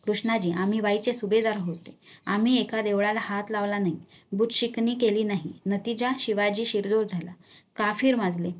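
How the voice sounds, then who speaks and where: A woman reading a novel aloud and voicing an arrogant, wrathful middle-aged male general who shouts his commands. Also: mid-range voice, fairly even intonation, normal speed, natural voice. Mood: furious.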